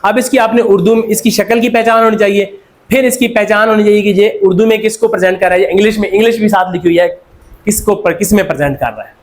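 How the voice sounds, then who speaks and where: A man's voice: high voice, fast. A Pakistani man teaching a classroom lecture, quizzing students and repeating their answers. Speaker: Korean language teacher.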